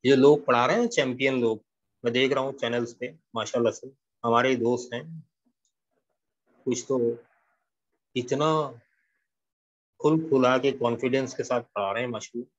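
A man giving a poetry lesson, explaining slowly and repeating key lines while switching between Hindi-Urdu and English. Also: medium pitch, fairly even intonation, muffled recording. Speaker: English literature teacher. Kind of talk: classroom-style poetry lecture.

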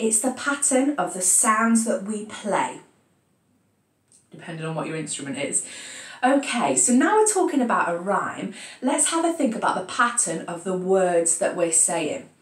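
A British woman music teacher leading a children's lesson, encouraging them and chanting a rhyme in a slow, steady beat. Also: mid-range voice. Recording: echoey room from a distance.

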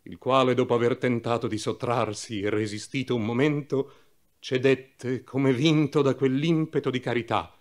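A man narrating a classic novel in a measured, solemn reading. His voice sits at a middle pitch for a man. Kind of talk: literary audiobook reading.

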